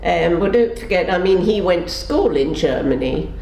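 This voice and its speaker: Her intonation lively and her tone darkish, an older woman speaks at normal speed while recalling memories for an oral history interview. She storytells, changing pitch to act out what others said. The sound is roomy with faint background noise.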